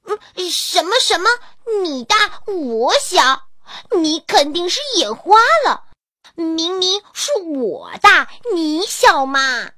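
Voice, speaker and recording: Woman doing a high sly little kitten. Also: slow, heavily acted. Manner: sly, lively and persuasive. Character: small clever quick-witted kitten. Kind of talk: children's storybook reading.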